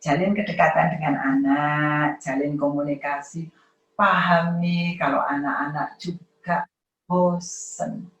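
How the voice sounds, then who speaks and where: A middle-aged woman giving a lively parenting talk, acting out parents and children in high voices. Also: slow, roomy sound, distant mic, rough recording. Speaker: parenting seminar speaker.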